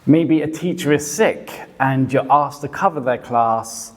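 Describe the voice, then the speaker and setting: A man who teaches English, casually explaining teaching tips in a relaxed, conversational way with frequent hedges. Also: medium pitch, measured pace. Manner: relaxed and conversational, often hedging. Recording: long reverb, hall-like echo.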